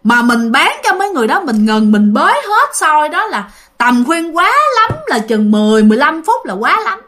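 A fiery young market woman selling sticky rice, with a Southern Vietnamese accent, as a woman storyteller puts her on. She sounds high and very lively, swinging widely in pitch and full of exclamations. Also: moderate pace. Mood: worried.

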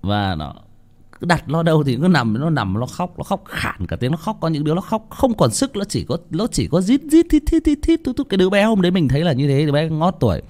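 A man's voice: on the high side, sing-song, a little fast, darkish tone. A man telling a ghost story in a casual, rambling way, with many restarts and repeated words, speaking straight to his listeners.

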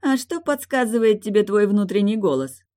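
A woman's voice: mid-range voice, lively intonation, moderate pace, a little mellow, pitched above the performer's own voice, close to an everyday voice. A woman voicing a pregnant young princess in an audiobook, sweet on the surface and commanding underneath. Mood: sweetly bossy. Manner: sugary but commanding.

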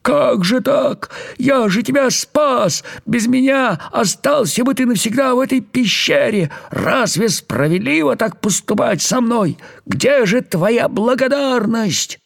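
A tiny, kind-hearted ant pleads in a high, squeaky voice, as a man puts him on for a storybook. The voice is husky, with a gravelly edge. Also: lively intonation, slow pace, few pauses, heavily acted. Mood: indignant.

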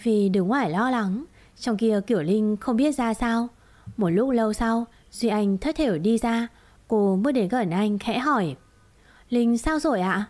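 A woman reading a romance drama story aloud in a steady, dramatic storytelling manner. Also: fairly high pitch, measured pace. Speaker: narrator. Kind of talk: scripted story narration.

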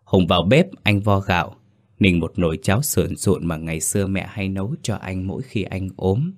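A man narrating a written story in a slow, solemn way. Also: low voice, no room sound, studio quality. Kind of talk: scripted ghost-story narration.

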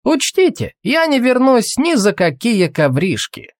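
A man voicing a young male adventurer in a storybook reading, speaking earnestly and in a raised, excited voice. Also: extremely high pitch, measured pace, dry recording, studio quality, pitched above the performer's own voice, full character voice. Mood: eager.

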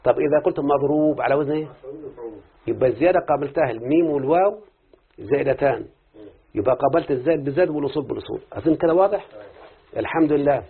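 A man with an Egyptian accent teaching an Arabic grammar class, lively and constantly quizzing his students with questions. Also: fairly high pitch, rapid-fire, creaky, pauses often. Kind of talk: classroom lesson. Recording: tinny lo-fi phone-like recording.

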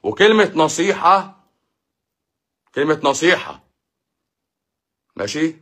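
A man's voice: a little high, very animated, slow, fairly bright tone. A man with an Egyptian Arabic accent talks about faith in an emphatic, preachy way, full of rhetorical questions. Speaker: doctor giving a talk. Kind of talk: casual talk on faith and life.

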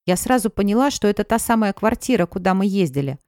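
A woman's voice: mid-range voice, animated, quick pace, a little mellow, no room sound, studio quality, lightly acted. A woman voicing a nervous, polite young office worker in an audiobook.

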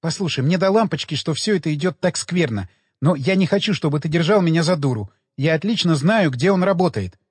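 A sharp-tongued, proud policewoman, read by a man in near his own voice, biting and indignant. The delivery is husky and lively. A long reverb hangs in the air behind her. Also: a little high, a little fast.

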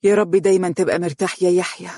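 Storybook: woman doing a tender, plaintive Egyptian girl, husky, slightly high. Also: fairly even intonation, very fast, dry recording, clean studio sound. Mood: sad, hopeful. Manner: soft, plaintive. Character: sad young woman, gentle and longing.

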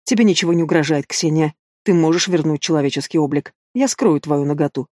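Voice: medium pitch, a little fast, a little mellow, no echo, close to an everyday voice. Winged demon prince, protective and sure of himself, as a reader plays him, dry close sound. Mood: assured. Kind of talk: audiobook character voice.

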